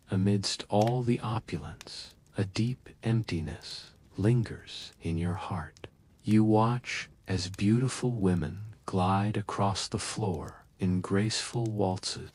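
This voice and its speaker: A man narrating a soothing bedtime story in a soft, calm, hushed way. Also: fairly low pitch.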